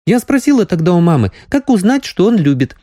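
A man's voice: high-pitched, sing-song, a little fast, dark tone, dry recording, studio quality, voice pushed up. A teasing, lovestruck young village woman, as a man reads her. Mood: earnest, teasing. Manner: pleading, playful, raised girlish voice.

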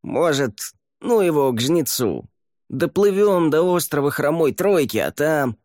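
A man's voice: on the high side, lively intonation, unhurried, a little mellow, no room sound, studio quality, pitched above the performer's own voice. A man voicing a nervous, superstitious sailor who keeps insisting they turn back. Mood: anxious. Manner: anxious, insistent. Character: nervous superstitious male pirate.

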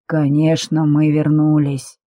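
A man's voice: mid-range voice, flat delivery, a little slow, mellow, no echo, studio quality, lightly acted. A woman reading an audiobook, voicing a tense, commanding man who is the heroine's beloved, speaking curtly. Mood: calm. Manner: curt, commanding.

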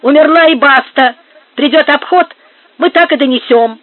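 A reader voicing a coarse, fearless male soldier who talks loudly and mockingly in an audiobook. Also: mid-range voice, normal speed, no room sound, lightly acted. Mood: blustering. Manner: loud, blustering, mocking. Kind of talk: audiobook character voice. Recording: tinny phone-like sound.

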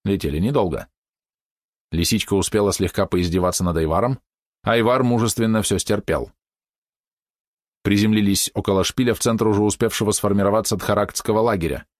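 Low-voiced man narrating an audiobook. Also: a little fast, dry recording, clean studio sound. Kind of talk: first-person scripted narration.

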